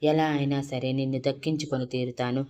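Woman reading as a scheming young woman, clingy and possessive, flat even delivery, audio story. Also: very deep voice, a little fast. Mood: fierce. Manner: pleading, then fierce.

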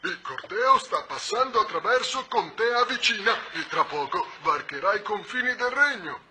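An actor playing an excitable messenger announcing news bulletins in a children's TV fantasy, in an exaggerated style. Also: male voice, high voice, normal speed, slight background noise, exaggerated voice. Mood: excited.

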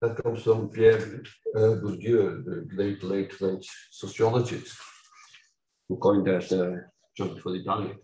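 An older man from Belgium giving an academic lecture, animated and ironic, with mocking asides and sudden loud outbursts. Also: sits low, slow. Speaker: university lecturer. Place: lecture hall. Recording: echoey hall from far off.

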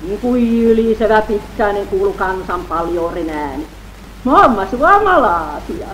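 A woman performing a comic dialect monologue with an Ostrobothnian Finnish accent, theatrically switching between shouted character voices, on a 1929 gramophone record. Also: mid-range voice, steady tone, slight background noise, rough recording.

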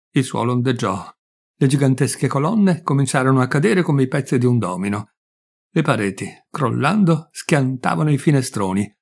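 A man narrating a short story in a measured, deliberate reading voice. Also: medium pitch, gravelly, slightly rough. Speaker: audiobook reader.

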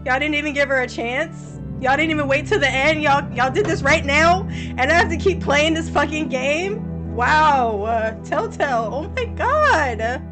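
A woman's voice: sits high, expressive, measured pace, few pauses, music in the background. A woman streamer reacting to a game, disbelieving and profane, repeating her lines.

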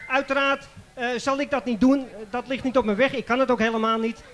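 A man's voice: very high voice, steady tone, a little fast. A man introducing the presenter on stage in a festival tent, speaking stiffly and formally. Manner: stiff and formal, rising to a loud announcement. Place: large festival tent before an audience.

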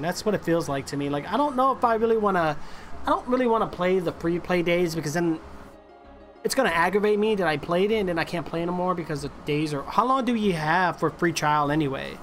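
A man's voice: high voice, animated, fairly quick, a bit bright. A man in his thirties chatting casually on a game live stream, slangy and chummy with his viewers like a gamer bro. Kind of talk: casual live-stream chat while gaming. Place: indoor room at a streaming setup. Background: music.

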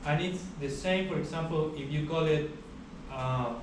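A young man giving a university lecture in a large hall, explaining steadily with many pauses and uh fillers. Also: fairly high pitch. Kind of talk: classroom lecture. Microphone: far camera at the back of the room. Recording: echoey hall recorded from far off, background hiss.

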